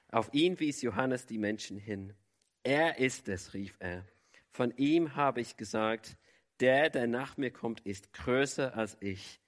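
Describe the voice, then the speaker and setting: A man's voice: mid-range voice, a bit bright. Earnest male preacher. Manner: earnest storytelling preacher, slows down for quoted scripture. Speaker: pastor. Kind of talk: sermon.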